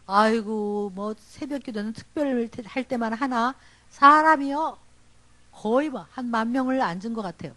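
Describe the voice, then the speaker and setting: A middle-aged woman pastor giving a storytelling sermon at a church service, animated and acting out the dialogue in her stories. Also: fairly high pitch, moderate pace, no room sound.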